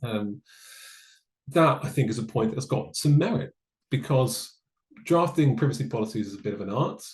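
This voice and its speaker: A man giving a webinar presentation, explaining in a measured way with dry asides. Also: mid-range voice, expressive, reverberant, low-quality recording. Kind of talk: online presentation on data law.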